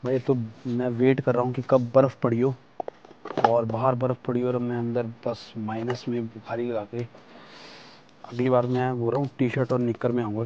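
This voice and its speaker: Man, camping vlogger, excited casual chat, inside a small tent, slightly muffled recording, faint background noise. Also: medium pitch. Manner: excited, chatty, mixes English words into speech.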